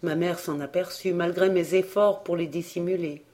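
A volunteer audiobook reader narrating a memoir-style story in a measured, steady way. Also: mid-range voice.

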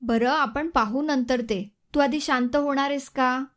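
A woman's voice: sits high, steady tone, a little slow. A woman voicing a kind mother-in-law comforting a crying young woman. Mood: soothing. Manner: soothing.

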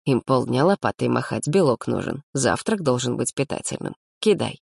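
A woman's voice: rumbling low, sing-song, moderate pace, vocal fry, a little mellow, husky, no echo, pitched below the performer's own voice, exaggerated voice. A woman voicing a bossy, teasing young man who runs the camp, lecturing in a dry tone.

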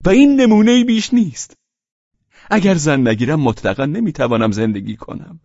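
A man voicing a fawning, anxious middle-aged man who has been drinking, pleading and stammering in a high-strung way. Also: animated, darkish tone, dry recording. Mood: effusive. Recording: dull lo-fi recording.

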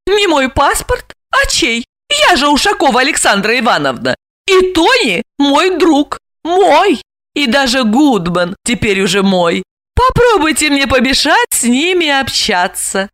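A woman voicing a fiery, sharp-tongued young woman in an audiobook story, speaking in shrill, emphatic outbursts. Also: wildly swooping pitch, measured pace, dry recording, studio quality, exaggerated voice. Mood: angry.

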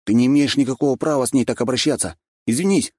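A man's voice: medium pitch, fast talker, a little mellow, no room sound, studio quality, pitched above the performer's own voice, natural voice. A man voicing an earnest, loyal young friend in an audiobook. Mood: indignant.

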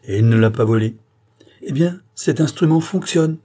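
A man's voice: fairly high pitch, animated, moderate pace, warm tone, pitched above the performer's own voice. A man reading the part of a cold, scheming male occultist in an audiobook, with a sweeping, relentless oratorical delivery. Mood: grandiose.

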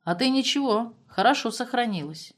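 A hoarse, gruff middle-aged peddler with a curt, mocking way of talking, as a woman reads him aloud. He sounds like a scruffy man who has let his life slide, from a storybook read aloud. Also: fairly high pitch, lively intonation, moderate pace, pitched above the performer's own voice.

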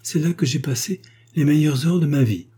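A tender, grateful young girl speaks softly and earnestly, as a man reads her lines in an audiobook. The voice has a dark, mellow timbre with a husky edge. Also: on the high side, normal speed, voice pushed up. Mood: joyful.

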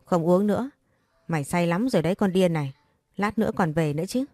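A woman's voice: fairly low pitch, fairly quick, mellow, no echo, faint music behind, close to an everyday voice. A woman reading a blunt, bossy young best friend. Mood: scolding. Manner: blunt, scolding.

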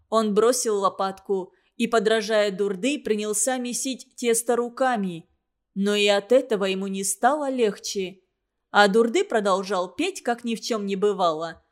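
A woman expressively narrating a folk tale aloud as a storybook reading. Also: fairly high pitch.

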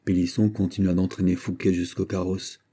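A man narrating an audiobook in a measured, dramatic reading. His voice is very dark and mellow, with a husky grain and a low pitch. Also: little pitch movement.

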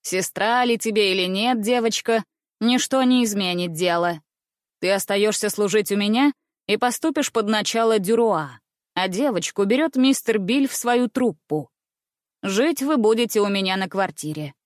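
Female reader doing a laughing, bossy stout circus director; storybook, mid pitch. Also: normal speed, dry recording, studio quality, natural voice. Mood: businesslike. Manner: laughing, genial, commanding.

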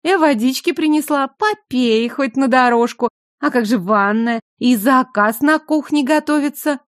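Audiobook bit part: woman narrator doing a sugary-sweet young maid who turns crude and spiteful, pitched up, no room sound. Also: unhurried, no room sound, clean studio sound. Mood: falsely sweet. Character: coarse scheming young serving girl, secretly a bandit.

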